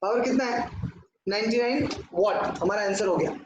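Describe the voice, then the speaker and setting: A man's voice: high-pitched, moderate pace, lo-fi sound. A man teaching a class, working through sums on a board and putting questions to the students that he then answers himself. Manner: talks at a board, asks and answers his own questions, mixes in English. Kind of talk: classroom lecture. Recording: echoey room with clear noise.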